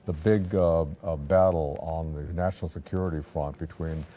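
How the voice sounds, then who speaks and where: A man co-hosting a casual political chat from a newsroom, talking in halting phrases full of fillers and restarts. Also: a bass voice, fairly even intonation, mellow. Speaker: newspaper political reporter co-hosting.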